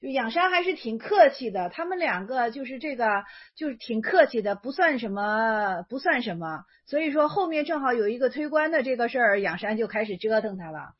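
A woman's voice: a little high, lively intonation, brisk, few pauses, breathy edge, dull audio. A woman explaining an old Chan koan in a casual lecture, thinking aloud and correcting herself as she goes. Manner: thinking aloud, self-correcting, many fillers.

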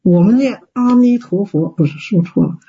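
Folksy teacher with husky dark voice. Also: male voice, high voice, moderate pace. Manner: plain-spoken, folksy, many fillers and rhetorical questions. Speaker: Buddhist teacher answering students. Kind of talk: online Q&A, casual teaching. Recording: dull lo-fi call audio.

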